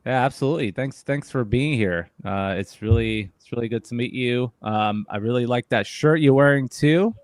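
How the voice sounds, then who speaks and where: A man hosting a casual community show, talking in a relaxed way with lots of fillers. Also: mid-range voice, moderate pace, few pauses, no room sound. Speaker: host. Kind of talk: casual chat.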